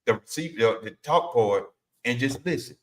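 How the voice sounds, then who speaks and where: A man's voice: mid-range voice, animated, normal speed. Laid-back man in his fifties. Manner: laid-back storyteller, acts out phone calls. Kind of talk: casual chat.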